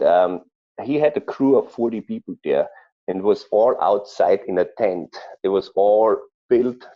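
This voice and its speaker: A man with an Austrian accent, a chef telling stories in an interview, speaking haltingly with many fillers and restarts. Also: low voice, muffled recording. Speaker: chef guest. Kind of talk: conversational interview storytelling.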